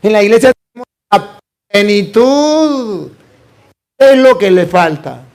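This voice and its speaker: This preacher has a high voice and talks a little slowly. His sermon is lively, full of rhetorical questions and call-and-response, and he works in humorous mini-dialogues that he plays out for laughs.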